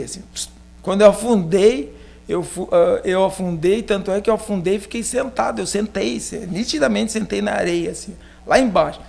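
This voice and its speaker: A pastor from Rio Grande do Sul, speaking with a southern Brazilian accent, is interviewed on a podcast and casually tells a personal story in a rambling way full of fillers. His voice is high-pitched, creaky and a little mellow.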